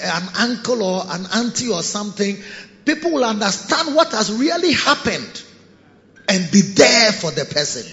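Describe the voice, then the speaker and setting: A man, a bishop and pastor preaching a sermon with sung phrases and sudden soft asides. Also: high voice, creaky. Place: large cathedral hall. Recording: dull recording with long hall reverb.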